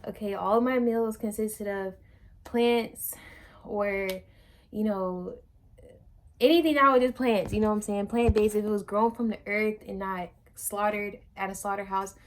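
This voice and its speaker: A woman's voice: medium pitch, fairly even intonation, unhurried. Chatty young woman vlogging. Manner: chatty, rambling, many fillers and restarts. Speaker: vlogger, new mother. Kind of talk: casual chat to camera.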